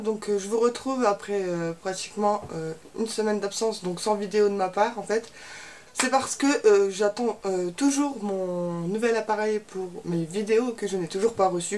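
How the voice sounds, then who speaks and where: A woman's voice: mid-range voice, a little mellow, a little hiss or hum. A woman in her thirties from France, reviewing a beauty box at home in a hesitant, casual way with many fillers and restarts. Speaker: beauty vlogger. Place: room at home.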